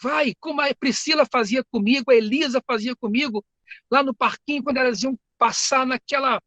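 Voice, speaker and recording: Um homem com sotaque brasileiro que prega um sermão sincero, conta histórias e repete palavras e frases. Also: male voice, very high-pitched, brisk, sharp tone, no room sound, rough recording. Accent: Brazilian Portuguese. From Brazil. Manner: earnest, storytelling, repeats words and phrases. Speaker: preacher and teacher. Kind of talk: sermon.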